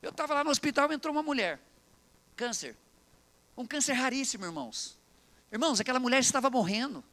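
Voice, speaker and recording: A Brazilian man preaching a sermon to his church, lively and animated, telling stories and acting out quotes. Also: extremely high pitch, fairly quick. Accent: Brazilian Portuguese. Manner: animated, preaching with acted quotes and jokes to the congregation. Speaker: pastor.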